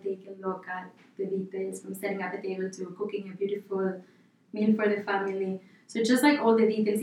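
Recorded from a distance in an echoey office, this Argentine interior designer talks as a podcast guest in a mid-range voice. Her speech is loose and casual, meandering with plenty of fillers and restarts, and there's slight background noise.

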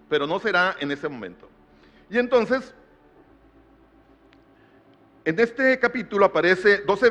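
A man's voice: sits high, fairly bright tone. A middle-aged man, a pastor, preaching a sermon and telling a family story, building to emphatic repeated phrases. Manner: tells a family anecdote, rising to emphatic repetition. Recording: dull long hall reverb.

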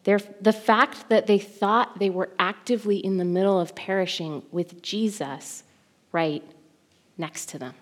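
A woman in her thirties preaching a sermon, telling the story expressively and swinging from urgent to hushed. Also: medium pitch, unhurried.

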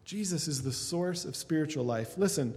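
A man preaching in a church, his fairly high voice ringing out as a long reverb trails behind each phrase. He stacks points one after another and lifts his emphasis as each list builds. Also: lively intonation, moderate pace, a little mellow. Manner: builds through lists with rising emphasis. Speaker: pastor. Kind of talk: sermon.

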